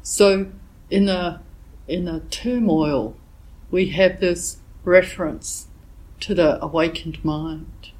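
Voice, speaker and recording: A woman meditation teacher giving a dharma talk while she has a cold, reflective and gently searching for her words. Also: fairly low pitch, poor audio. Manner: reflective, unhurried, gently searching for words with frequent "yeah" and "you know". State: has a cold, voice a bit thick.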